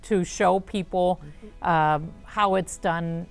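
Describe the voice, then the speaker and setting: Smooth-voiced woman hosting an interview. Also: on the low side, steady tone, slow pace, faint music behind. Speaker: talk show host. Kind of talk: conversational interviewing.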